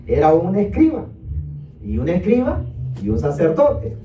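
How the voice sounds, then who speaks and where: Slow, lively-pitched preacher teaching the Bible. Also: male voice, highs cut off, soft background music. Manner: keeps asking listeners to repeat words after him; tags lines with rhetorical "¿verdad?" and "amén". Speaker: pastor teaching a discipleship class. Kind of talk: Bible teaching with call-and-response. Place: church meeting room. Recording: echoey room, voice far from the mic.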